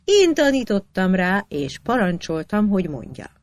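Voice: medium pitch, very animated, dry recording, close to an everyday voice. A reader voicing a jesting older male official in a read-aloud anecdote, with a dry, teasing tone.

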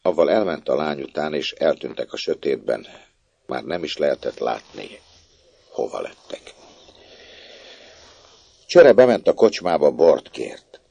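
A man reads a story aloud with an extremely deep, gravelly voice. His telling rises and falls vividly as he moves between characters. The sound is close and dry. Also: long pauses, no echo. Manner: expressive, voicing characters. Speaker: narrator.

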